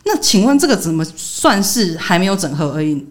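A woman's voice: lowish voice, a little fast. A young woman, venting in casual podcast chat and acting out the people she quotes. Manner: animated storytelling, acting out quoted dialogue. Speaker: podcast co-host.

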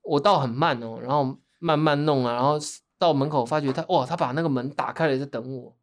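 A man with a Taiwanese accent and a somewhat high-pitched voice. He talks like a podcast co-host swapping stories with a friend, casual and animated in his telling. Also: brisk. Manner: chuckles while telling stories.

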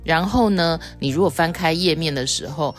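A woman hosting a podcast, presenting a picture book and retelling its story in an expressive, animated way. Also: deep voice, normal speed, faint music behind. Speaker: podcast host.

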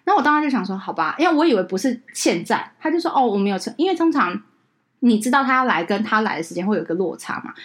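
A woman's voice: on the high side, animated, rapid-fire. A woman with a Taiwanese Mandarin accent, hosting a podcast as a casual chat and telling an indignant story with acted-out quotes. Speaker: podcast host.

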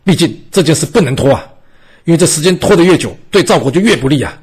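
A man telling a history story in a chatty, animated way, hosting his podcast. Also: a little high, quick pace, breathy edge.

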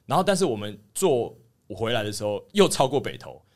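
A man's voice: fairly low pitch, very animated, a little fast. A young man with a Taiwanese Mandarin accent, a podcast co-host telling a long story in casual chat, rambling and sheepish, with many restarts.

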